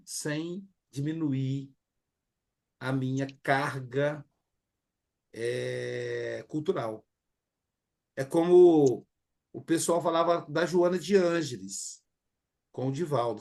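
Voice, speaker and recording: High-voiced Brazilian man teaching. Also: expressive, takes it slowly, gravelly, pauses often, darkish tone. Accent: Brazilian Portuguese. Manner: conversational, with many fillers and acted quotes. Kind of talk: spoken class lecture.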